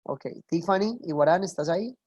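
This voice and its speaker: A woman's voice: on the low side, a little mellow, slightly rough, no echo, lo-fi sound. Dry-sounding woman teacher. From Colombia. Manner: affectionate, coaxing, explains slowly with examples. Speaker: English teacher. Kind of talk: online class instruction.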